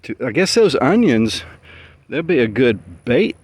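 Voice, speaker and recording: A man's voice: medium pitch, big pitch swings, measured pace, darkish tone, breathy edge. A middle-aged man giving a rambling, easygoing garden tour outdoors, thinking aloud as he goes. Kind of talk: casual walk-and-talk.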